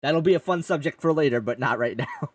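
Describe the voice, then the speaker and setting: A man's voice: a little high, lively intonation, brisk, no room sound, distant mic. Rambling, swearing man on a gaming podcast. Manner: rambling, swears often, jokey. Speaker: podcast host and streamer. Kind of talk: casual gaming chat. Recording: dry, a bit off-mic.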